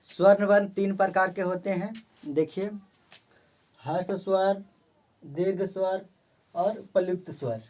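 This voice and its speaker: A man teaching an informal grammar lesson. He points at the board as he explains and restates each definition slowly, several times over. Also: high-pitched, fairly even intonation, a little mellow.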